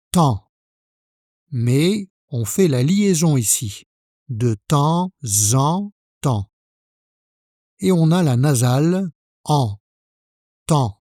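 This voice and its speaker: Slow, soft-spoken French teacher. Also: male voice, medium pitch, dry recording, clean studio sound. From France. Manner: slow, careful, spells out sounds for the learner. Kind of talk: pronunciation lesson.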